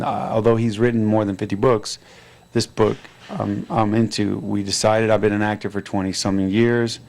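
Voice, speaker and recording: Low gravelly man, flat and rambling. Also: low-quality recording. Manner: relaxed, rambling with fillers. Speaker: actor and producer. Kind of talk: premiere interview. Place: crowded premiere event.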